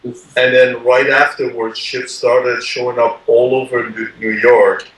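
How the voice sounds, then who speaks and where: A man in a group gathering who eagerly tells a story in an earnest, excited way. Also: mid-range voice, unhurried. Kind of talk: casual group chat. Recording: roomy echo, far from the mic.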